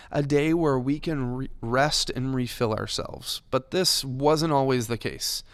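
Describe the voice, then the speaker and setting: A man's voice: medium pitch, dry recording, studio quality. Conversational man giving a devotional. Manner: conversational and lightly humorous. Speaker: church staff member giving a devotional. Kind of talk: devotional Bible talk.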